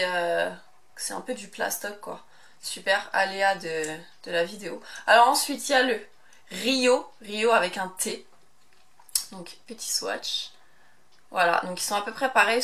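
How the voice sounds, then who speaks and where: Young French-accented woman, beauty vlogger, casual rambling delivery, slightly high voice. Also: a bit bright, a little hiss or hum. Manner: chatty, rambling, with hesitations. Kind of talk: casual product review.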